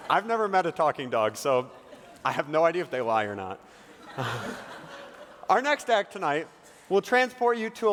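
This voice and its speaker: A man's voice: fairly high pitch, a bit bright. A man hosting a live variety show as emcee, telling a joke in a playful way on stage in a large hall. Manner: playful, joking storyteller. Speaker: master of ceremonies. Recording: reverberant hall.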